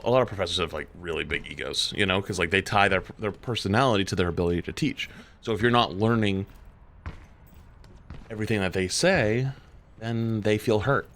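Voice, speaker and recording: A young man streaming a game, telling a story in casual chat with lots of swearing, fillers and animated bursts. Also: lowish voice, fairly quick. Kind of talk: casual chat while gaming.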